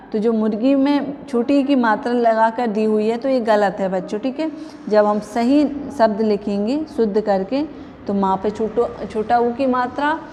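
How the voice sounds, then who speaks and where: A woman's voice: a little high, a little mellow, big-room sound, a little hiss or hum. A woman teaching young children a grammar lesson, patiently asking the class questions and repeating each answer. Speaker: primary school teacher.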